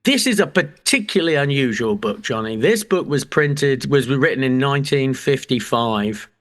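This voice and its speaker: An Englishman co-hosting a podcast talks at a normal speed in an expressive, mid-range voice with a fairly bright tone. The conversation is casual, and he jokes in a mock-serious way, swearing now and then.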